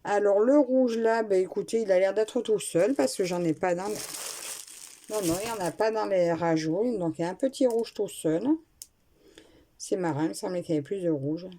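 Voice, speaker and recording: A woman's voice: mid-range voice, moderate pace, dark tone. A woman chatting casually while unboxing a craft kit at home, talking with hesitations and restarts into a nearby camera mic. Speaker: craft vlogger. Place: at home, indoors.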